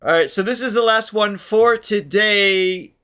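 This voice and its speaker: A man co-hosting a live music reaction podcast, chatting casually, upbeat and quick to laugh. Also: high-pitched, clean tone. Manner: upbeat and animated, laughs often. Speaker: podcast co-host running a live reaction stream.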